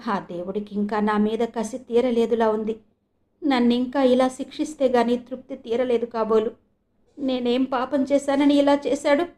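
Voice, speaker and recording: A woman's voice: steady tone, moderate pace, mellow, close to an everyday voice. A woman voicing a distraught young mother who cries and pleads, from an audio novel. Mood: anguished. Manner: tearful, pleading, high-strung.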